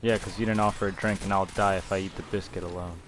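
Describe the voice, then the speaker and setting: A man chatting casually while gaming, giving dry deadpan retorts. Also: deep voice, quick pace, a little hiss or hum. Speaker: host, gamer.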